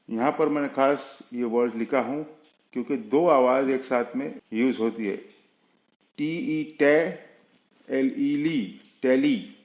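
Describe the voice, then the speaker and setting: A man gives a language lesson at an unhurried, deliberate pace, spelling words out letter by letter. His voice sits at a middle pitch and carries a noticeable echo from the room around him. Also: darkish tone, muffled recording. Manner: slow, patient explaining, spelling words out letter by letter. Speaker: English teacher.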